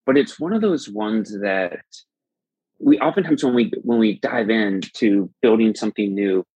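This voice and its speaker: A man's voice: on the low side, lively intonation, normal speed, a little mellow, slightly rough, no echo, low-quality recording. A man as a podcast guest, explaining at length in a thoughtful way, often restarting sentences. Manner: thoughtful, frequent restarts and fillers. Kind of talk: conversational explanation.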